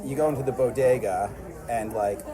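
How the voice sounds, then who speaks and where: A man's voice: mid-range voice, normal speed. A man with an American accent in casual conversation at a diner, telling stories and repeating phrases for emphasis. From United States, suburbs. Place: inside a busy diner. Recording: busy diner chatter behind the voice. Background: crowd chatter.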